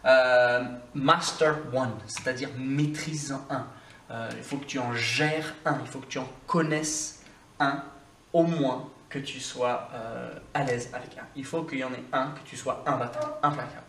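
A man's voice: medium pitch, fairly even intonation, unhurried, fairly bright tone, slight background noise. A man giving a casual video lesson as an English teacher, talking straight to the viewer in an informal, coaching way. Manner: addresses the viewer directly and informally. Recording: roomy sound from a distance with faint ambience.

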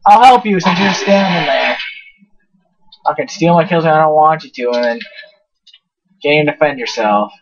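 A young man commentating his own gameplay, swearing a lot and yelling in frustration at a companion character. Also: on the high side, lively intonation, moderate pace, long pauses, highs cut off, a little hiss or hum. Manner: profane, yells in frustration at a companion. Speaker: gamer playing.

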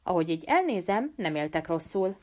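A woman's voice: lowish voice, sing-song. A woman voicing an easygoing young male student from Pisa, light, evasive and teasing. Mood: breezy.

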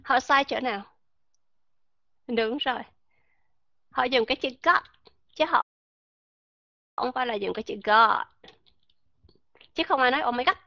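Female classroom teacher who quizzes students and refers to herself by name; slightly high voice; muffled, dry recording. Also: moderate pace, creaky, long pauses, sharp tone, no echo. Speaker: English pronunciation teacher. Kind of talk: classroom lecture.

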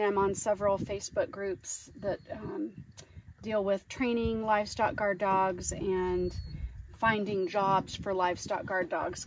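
A woman in her forties chatting casually to camera outdoors, laughing easily. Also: mid-range voice. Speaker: homestead vlogger. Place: outdoors on a desert homestead. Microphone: camera held at a distance. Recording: distant outdoor camera sound, faint noise.

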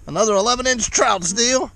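A man's voice: high voice, creaky, pushed and bright, low-quality recording. A man, a father, chatting casually and encouragingly with his young son while fishing, recorded outdoors on an action camera. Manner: upbeat, encouraging, coaching a child. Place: open marsh shoreline outdoors. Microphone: chest or head-mounted action camera. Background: faint wind and boat noise.

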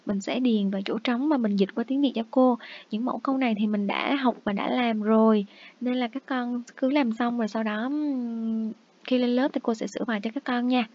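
A woman teacher giving a review lesson to young children. Her voice sits a little high, and she is patient and coaxing as she says each English word slowly and repeats it. The recording sounds muffled and lo-fi. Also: steady tone.

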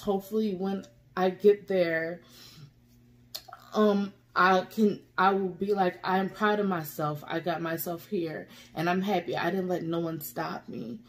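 A woman's voice: on the low side, steady tone, unhurried. Tearful woman vlogger speaking from the heart. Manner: heartfelt, rambling, encouraging. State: tearful, emotional. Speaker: YouTube reaction vlogger. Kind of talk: emotional casual vlog talk.

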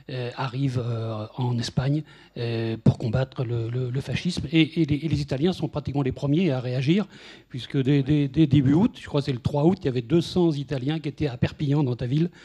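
A man with a mellow, slightly husky voice moderates a public talk in a university lecture room. He speaks into a handheld mic, laying out long explanations with a few stutter-starts. He is in his fifties. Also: medium pitch.

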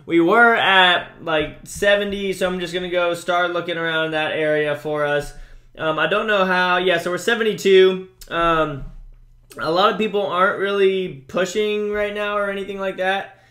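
A man's voice: high voice, steady tone, normal speed, pushed and bright. A young man giving chatty, upbeat commentary on a mobile game he is playing, with frequent fillers and restarts. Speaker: gaming YouTuber. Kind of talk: casual gameplay commentary.

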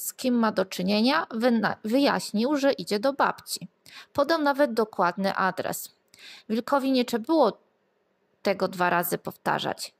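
A woman reading a fairy tale aloud to children, expressive and lilting, sometimes asking the listeners questions. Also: fairly high pitch, gravelly. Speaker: storyteller.

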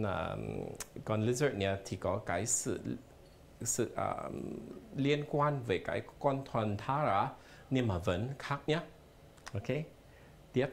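Lively-voiced male teacher spelling words. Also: medium pitch, a little hiss or hum. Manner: explains patiently, spells words letter by letter. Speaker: English teacher. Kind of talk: live televised language lesson. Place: television studio.

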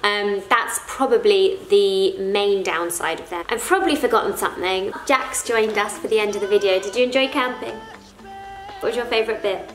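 A woman's voice: medium pitch, normal speed, echoey room, soft background music. A woman in her thirties talking casually to the camera at home, sharing practical tips in a chatty, friendly way. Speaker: parenting vlogger. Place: living room at home, indoors. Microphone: camera in front at close range.

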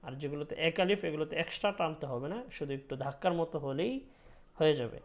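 Patient man teaching recitation. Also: fairly high pitch. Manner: patient, slow explaining with frequent fillers, breaks into drawn-out chanted recitation. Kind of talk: spoken tajweed lesson.

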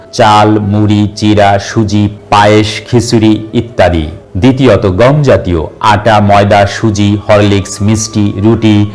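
A man giving devotional instructions and telling a scripture story in a deliberate, recited manner. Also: fairly low pitch, a little mellow. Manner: slow, deliberate, recited listing. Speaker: devotional teacher.

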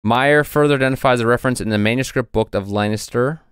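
A man's voice: medium pitch, fast talker, clean tone, dry recording, clean studio sound. A man co-hosting a casual podcast, reading passages from old texts with frequent fillers. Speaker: podcast co-host presenting research.

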